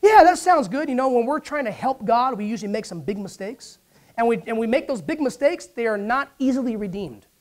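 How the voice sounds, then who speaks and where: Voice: medium pitch, expressive, a little fast. A preacher giving a sermon, asking the congregation for responses and acting out Bible figures in dialogue.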